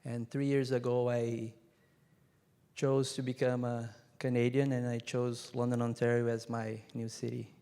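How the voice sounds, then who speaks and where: Man from Brazil, earnest panel speaker; gravelly, even-toned, hall reverb. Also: mid-range voice. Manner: earnest, measured, lists ideas point by point. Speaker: conference witness speaker. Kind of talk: reflective closing remarks on stage. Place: large conference hall stage. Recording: hall reverb from a large room.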